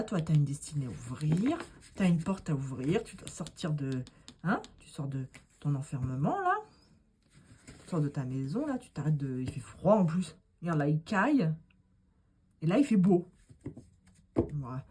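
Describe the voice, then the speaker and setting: A woman's voice: fairly low pitch, a little mellow, slight background noise. A woman doing a casual tarot card reading, talking straight to the viewer in an encouraging, rambling way. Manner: rambling, with many fillers and asides.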